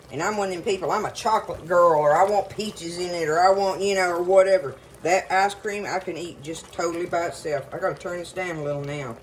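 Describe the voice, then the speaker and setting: A woman's voice: lowish voice, slight background noise, low-quality recording. A woman hosting a casual cooking video in her home kitchen, chatting folksily and rambling into stories as she cooks. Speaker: cooking show host.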